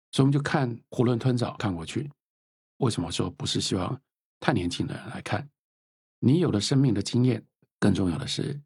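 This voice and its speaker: Very husky, lively man in his fifties. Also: lowish voice, no room sound, studio quality. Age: 50s. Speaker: author and lecturer guest. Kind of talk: reflective interview talk.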